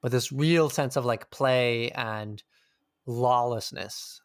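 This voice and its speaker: A man being interviewed takes his time, speaking slowly in a mid-range voice. The studio-quality recording has no room sound. In this reflective conversation he sounds thoughtful and searching, occasionally letting a casual swear slip.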